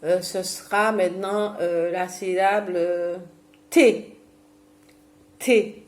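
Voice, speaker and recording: A woman from Guadeloupe runs a home exercise session for seniors. She speaks into her own camera's mic in a chatty, halting way. She stops often to restart a thought or fill a pause. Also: lowish voice, flat delivery. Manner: chatty, hesitant with many fillers and restarts. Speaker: senior fitness and memory instructor. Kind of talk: instructional talk to seniors at home. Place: home, self-filmed.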